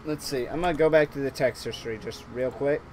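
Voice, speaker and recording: A man's voice: medium pitch, fast, a little hiss or hum. A man streaming a visual novel, chatting casually in a rambling way with frequent restarts and laughter. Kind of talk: casual let's-play chat.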